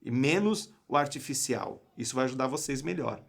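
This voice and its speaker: A man's voice: medium pitch, expressive, normal speed, vocal fry. A young Brazilian man, an English teacher and coach, giving a live online class in an emphatic way and often asking his viewers rhetorical questions.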